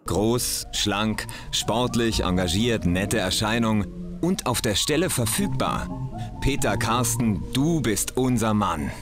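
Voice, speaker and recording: A curt, deep agency clerk. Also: male voice, lively intonation. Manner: curt, brisk. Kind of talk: video game voice acting. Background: game music.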